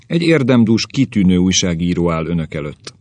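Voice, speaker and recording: A man's voice: low voice, sing-song, a little mellow, no room sound. A man voicing an eager, long-serving newspaper editor who rattles off stock phrases. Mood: proud.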